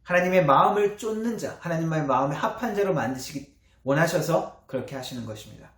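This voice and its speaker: A man preaching a sermon as pastor, with earnest emphasis and soft trailing endings. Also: fairly high pitch, lively intonation, a little fast. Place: church sanctuary. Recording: echoey church hall.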